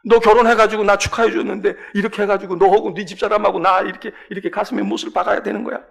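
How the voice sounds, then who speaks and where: A man's voice: sits high, little pitch movement, fast talker, gravelly. A man playing a middle-aged mother who scolds her son with nagging questions. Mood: scolding. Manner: reproachful, nagging rhetorical questions.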